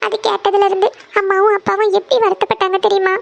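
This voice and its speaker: A tearful cartoon big sister, voiced by a woman, crying as she pleads over her family's hardship. Her voice sits extremely high and barely rises or falls, with a gravelly, fry-laden edge under the sobs. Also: level tone, quick pace. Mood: tearful, worried. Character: worried young woman, eldest sister of a struggling family. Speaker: elder sister who gives tuition lessons.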